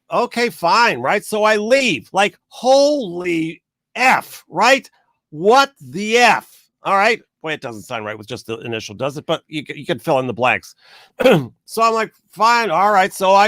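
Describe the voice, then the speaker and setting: A man's voice: high-pitched, dry recording, clean studio sound. A middle-aged man telling a story in a casual rant to camera, acting out the people in it. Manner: animated storyteller, acts out quoted people, rants.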